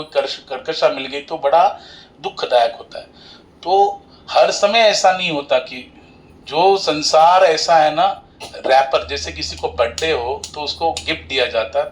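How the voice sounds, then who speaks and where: Man telling a lively devotional parable. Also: a little high. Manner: acts out both sides of a comic parable, swinging loud and soft. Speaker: katha narrator. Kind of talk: devotional storytelling sermon. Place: Navi Mumbai.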